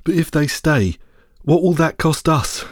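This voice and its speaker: A man's voice: fairly high pitch, animated, a little slow, no room sound, studio quality, pitched above the performer's own voice. A man voicing a small, pleading terrier dog. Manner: earnest, pleading.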